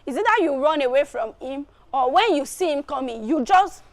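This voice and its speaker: A woman's voice: high-pitched, animated, normal speed. A woman teaching an exam preparation lesson, explaining step by step and often repeating her phrases.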